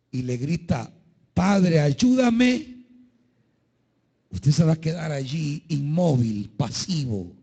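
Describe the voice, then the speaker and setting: A man delivers a sermon with a husky, high-pitched voice. He speaks slowly and deliberately, climbing to shouted pleas and then sinking to near-quiet lines. The manner is that of an impassioned pastor. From El Salvador. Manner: impassioned preaching, rising to shouts and dropping low.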